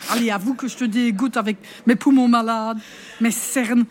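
A jealous, sickly older wife pleads and reproaches her husband in a Namur-Liège Belgian accent, as an actress puts her on in a radio sketch. The voice sits fairly high for a woman. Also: steady tone, moderate pace, a little mellow, natural voice. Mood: bitter reproach. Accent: Namur-Liège Belgian put on.

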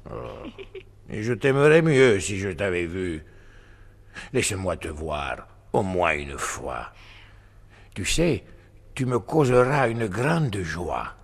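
A credulous medieval lord in a 1960s radio play, who stammers and hesitates as he speaks. His voice is lowish and husky, with lively swings in pitch. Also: takes it slowly, long pauses, full character voice. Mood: curious. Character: credulous male medieval lord, eager and fumbling. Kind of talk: 1960s radio drama acting.

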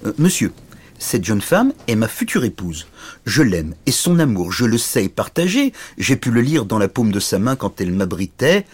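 A man's voice: on the low side, very animated, moderate pace, slightly rough. A man doing a tiny, lovesick knight. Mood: plaintive. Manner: dignified, plaintive.

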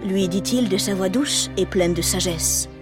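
A woman's voice: mid-range voice, measured pace. A woman telling a children's story in a playful, theatrical way, full of exclamations. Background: music.

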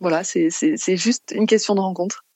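An interview guest who organises a community association answers off the cuff in a French-from-France accent. Her voice is on the low side, a little mellow and husky, in a dry recording. She speaks haltingly, hunting for words and repeating the starts of phrases.

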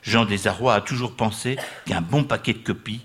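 A man's voice: on the low side, moderate pace, fairly bright tone, slight background noise. A man reading his own comic story aloud in a radio studio before a live audience, with a playful, dry delivery.

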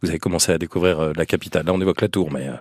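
Un homme qui anime une interview radio, posant des questions vives et taquines. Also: male voice, low-pitched, steady tone, slightly rough, no room sound, studio quality. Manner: brisk, teasing questions. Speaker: radio host.

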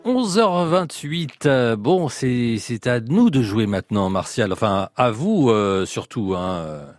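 A man hosting a live radio quiz as a game show host, drawing out questions and tossing in quick asides. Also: mid-range voice, animated, no room sound, soft background music. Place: radio studio.

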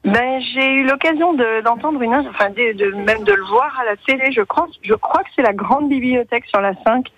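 A woman's voice: fairly high pitch, moderate pace, few pauses. A woman calling in to a radio show over a phone line with a bad connection, talking hesitantly and searching for her words. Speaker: radio caller. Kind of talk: phone-in chat.

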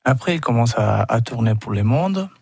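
A man from Argentina speaking halting, non-native French with an Argentine Spanish accent, searching for words as he answers in a radio interview. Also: medium pitch, lively intonation, gravelly, a little mellow, slightly rough, no room sound, studio quality. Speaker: festival artistic director, tango teacher and dancer.

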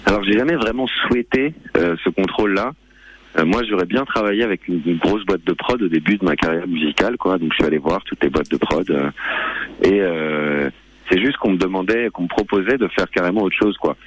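Male artist guest, low and husky, informal conversational interview delivery. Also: brisk, low-quality recording. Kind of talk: casual radio interview.

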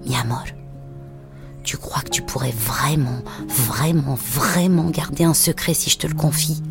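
A woman voicing a gentle, mysterious young mother who speaks tenderly and in hushed tones, with music underneath. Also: deep voice, flat delivery, fairly quick, creaky.

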